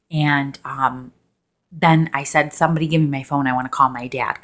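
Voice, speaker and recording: Low-voiced young woman, soft chatty storytelling. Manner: chatty, lots of "like" and "um", hushed in places. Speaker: vlogger. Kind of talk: soft-spoken storytelling, sort of ASMR.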